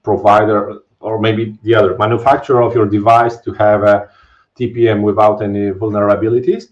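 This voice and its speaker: Indoors at his home office, a Polish man in his thirties runs a live technical webinar over a webcam, his lowish voice flat and a little fast. His Polish-accented explanations are casual and packed with fillers and tag questions. The webcam video call yields dull, lo-fi stream audio.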